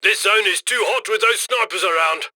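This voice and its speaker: A brash, upbeat male mission handler in a video game barks cocky, urgent instructions over comms to a criminal crew. His high voice cuts through with a sharp, very bright edge, commanding and punchy at normal speed. The sound is dry and close, with no echo.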